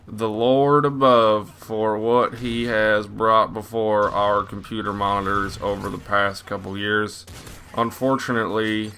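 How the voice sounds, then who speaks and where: A man voicing a mock-solemn Southern preacher man with a put-on Southern US accent, delivering a eulogy slowly and preachily. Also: lowish voice, pushed and bright, clear, resonant tone, exaggerated voice. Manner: slow, drawn-out, preachy delivery.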